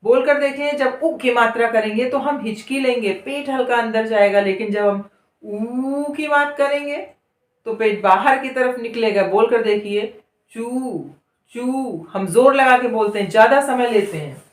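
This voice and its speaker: Recorded from a distance in a roomy space, a woman teaching Hindi reading speaks at normal speed in a slightly high voice. Her lesson for beginners is slow and drawn out, with long vowels elongated and every word said over and over.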